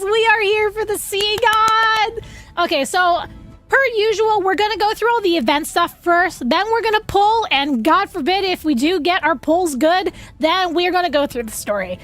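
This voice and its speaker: A young woman hosting a game livestream in casual, rambling, excitable chatter full of filler words. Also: very high voice. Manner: effusive, excitable asides.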